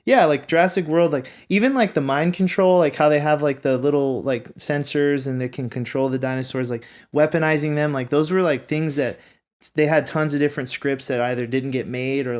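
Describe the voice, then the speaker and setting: A man's voice: medium pitch, moderate pace. Laughing man riffing in casual chat. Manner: animated, laughs often, many fillers. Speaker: podcast panelist.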